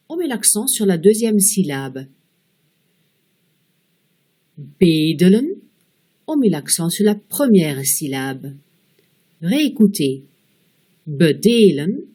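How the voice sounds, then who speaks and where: A woman teaching a pronunciation lesson, explaining rules step by step and slowing down to model each example word. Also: lowish voice, dark tone, breathy edge. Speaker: language teacher. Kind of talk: slow, careful pronunciation lesson.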